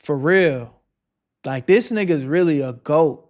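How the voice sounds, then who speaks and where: Slow slangy streamer on livestream headset audio. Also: male voice, fairly high pitch, lively intonation. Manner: slangy, drawn-out, talks back to the video. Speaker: livestreamer reacting to a video. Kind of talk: casual live reaction commentary.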